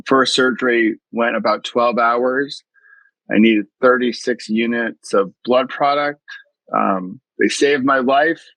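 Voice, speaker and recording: A man's voice: medium pitch, fairly even intonation, takes it slowly, fairly bright tone, no room sound, rough recording. A middle-aged man from the US East Coast, a mindfulness coach telling his story in an interview in an earnest, reflective way, often restarting his sentences. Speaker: mindfulness coach and podcast guest.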